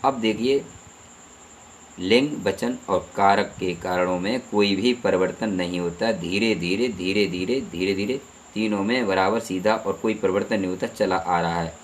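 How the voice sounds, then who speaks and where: A man's voice: low-pitched, moderate pace, slight background noise, poor audio. A man teaching a Hindi grammar lesson, repeating terms and asking the listener rhetorical questions.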